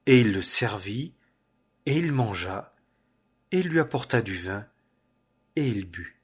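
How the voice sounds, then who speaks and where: A man reading scripture aloud in a solemn, measured way. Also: on the low side, big pitch swings, husky. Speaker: scripture reader.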